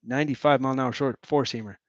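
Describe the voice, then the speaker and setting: Brief: irreverent man doing excitable fan play-by-play, dull lo-fi sound. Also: mid-range voice, very fast, dry recording. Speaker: host of a fan watch-along broadcast. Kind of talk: joking play-by-play commentary.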